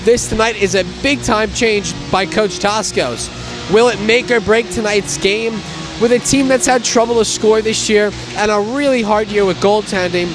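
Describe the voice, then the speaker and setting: A man's voice: sits high, normal speed. A man giving hockey play-by-play and game previews as a sports commentator. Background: music.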